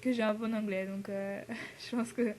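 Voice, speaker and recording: A woman's voice: mid-range voice, little pitch movement, moderate pace, darkish tone, a little hiss or hum. A teenage girl from France, an exchange student, chatting casually to the camera with lots of fillers, laughs and English words mixed in. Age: teens.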